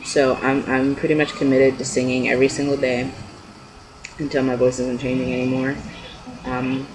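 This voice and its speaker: This is a casual, unscripted vlog-style chat to camera by a young Californian man who rambles and hesitates. His pitch barely moves and his pace is moderate, and the webcam-style amateur recording is noisy and low in quality.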